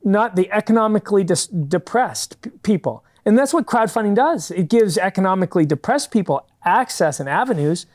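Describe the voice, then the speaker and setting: Talking fairly quickly and barely pausing, a fundraising company founder answers questions in a public TV studio interview. His voice sits high, animated and darkish in tone, and he explains his views earnestly and at length with frequent restarts.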